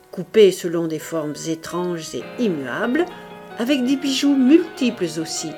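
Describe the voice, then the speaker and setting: A woman reading a classic novel aloud in measured, expressive scripted narration. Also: fairly low pitch. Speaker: audiobook reader.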